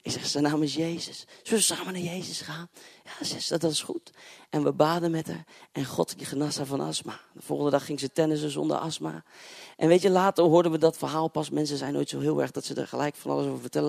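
High, gravelly-voiced male preacher. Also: steady tone, fast talker, no room sound, clean studio sound. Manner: swings from loud, emphatic preaching to hushed, near-whispered storytelling; acts out dialogue in his anecdotes. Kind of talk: sermon.

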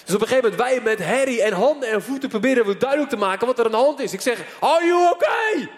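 High-voiced man preaching in a hall. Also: racing. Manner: animated, lively storyteller with many fillers. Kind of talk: storytelling sermon. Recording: long hall reverb.

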